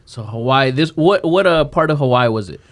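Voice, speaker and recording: A man's voice: mid-range voice, lively intonation, a little fast. A man hosting a casual interview, reacting often in slangy, lightly profane everyday talk. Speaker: podcast host.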